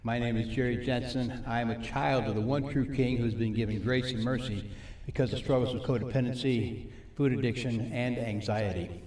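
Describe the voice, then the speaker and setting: A man teaching a live faith-based recovery group on stage, folksy, repeating points slowly for his audience. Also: mid-range voice, steady tone, darkish tone, echoey room. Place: church meeting room with audience and monitors.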